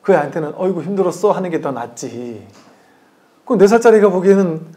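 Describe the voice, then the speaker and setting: A Buddhist monk gives a conversational dharma talk, acting out the voices of characters in his stories and asking the audience questions. He speaks at a moderate pace in an expressive, slightly high voice with a dark tone.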